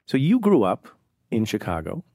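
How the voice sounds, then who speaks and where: A middle-aged man from India hosting a podcast, explaining news in a measured way and interviewing a guest. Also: mid-range voice, huge pitch swings, darkish tone, no echo, studio quality. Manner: measured, explanatory, reads ad copy. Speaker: podcast host.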